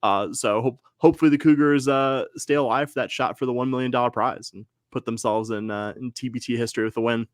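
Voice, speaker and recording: A man's voice: medium pitch, fairly even intonation, fast, hardly any pauses, no echo. Casting note: male podcast co-host, casual rambling delivery, dry close sound. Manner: rambling, frequent fillers and self-corrections. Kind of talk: casual sports podcast chat.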